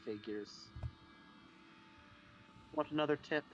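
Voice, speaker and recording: A man voicing a cryptic computer entity in a video game that hints at secrets in a low, measured, knowing way. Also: highs cut off, background noise.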